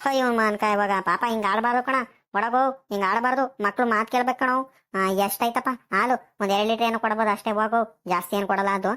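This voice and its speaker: Woman doing an old village granny, highish voice, fussing and coaxing. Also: steady tone, fast talker, fairly bright tone, natural voice. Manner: coaxing, worried. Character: fussy old village grandmother.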